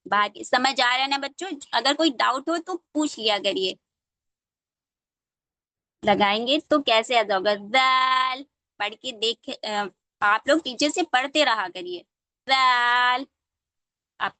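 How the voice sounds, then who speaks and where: A woman teaching young students letter pronunciation over a video call, drawing out each sound slowly and checking that they follow. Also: fairly high pitch, bright, forceful tone, no echo. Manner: slow, drawn-out demonstrations of letter sounds. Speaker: online Quran recitation teacher. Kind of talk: patient online class teaching.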